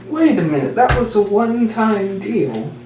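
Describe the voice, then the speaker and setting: A woman's voice: mid-range voice, animated, normal speed. A woman player in a tabletop game, teasing with short replies. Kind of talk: casual tabletop game chat. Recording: roomy, distant mic, noisy.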